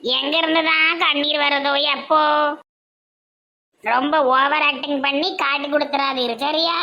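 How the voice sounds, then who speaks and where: A woman's voice: sits high, fairly even intonation, a little slow, sharp tone. A woman with a Tirunelveli Tamil accent voicing a bossy, nagging village mother in a cartoon. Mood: scheming.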